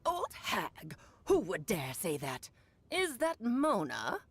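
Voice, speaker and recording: A woman's voice: mid-range voice, wildly swooping pitch, slow, husky, full character voice. An actress playing a playful, worldly mage mother in a video game, with a theatrical storytelling manner. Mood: haughty, mock-grand.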